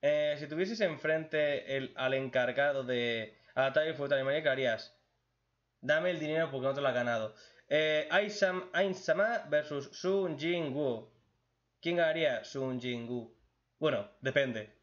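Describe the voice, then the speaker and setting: A joking, blunt man takes viewer questions one by one and answers them crudely in casual conversation, never rushing. His voice is a touch high for a man, and the audio is dull and lo-fi.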